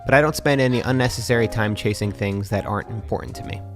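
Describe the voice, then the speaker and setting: A man in his thirties narrating his daily routine in a calm, measured, scripted voice-over. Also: lowish voice, soft background music. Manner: calm, measured, even-toned. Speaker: vlogger and podcaster.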